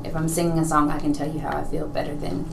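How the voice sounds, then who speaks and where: A woman's voice: sits low, completely flat delivery, fast, creaky, background noise. A woman in her early twenties from Houston, Texas, a chatty guest on a radio interview, full of fillers. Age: early 20s. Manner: bubbly, chatty, lots of fillers. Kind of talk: casual interview.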